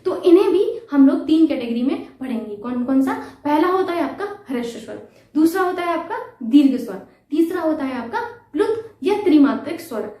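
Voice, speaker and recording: A woman's voice: high-pitched, lively intonation, a little fast, warm tone, recorded from a distance. A woman teaching a Hindi grammar lesson for exam preparation. She asks her students questions and answers them herself, patiently repeating the key terms. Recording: echoey room, voice away from the mic.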